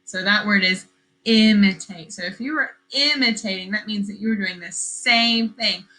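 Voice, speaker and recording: Reading a story to young kids, a woman teacher speaks at medium pitch and a moderate pace. Her delivery is expressive and questioning, with phrases repeated for emphasis.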